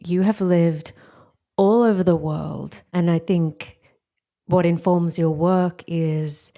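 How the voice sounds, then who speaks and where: A woman hosting a podcast interview, asking questions in a thoughtful, gently phrased way. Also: fairly low pitch, steady tone, slow. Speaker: podcast host.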